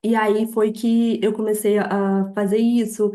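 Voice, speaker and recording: A young adult woman with a Brazilian Portuguese accent, a podcast guest telling her story in a lively way, laughing often and acting out quoted dialogue. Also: medium pitch, a little slow. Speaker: podcast guest, affiliate marketer. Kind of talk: casual interview storytelling.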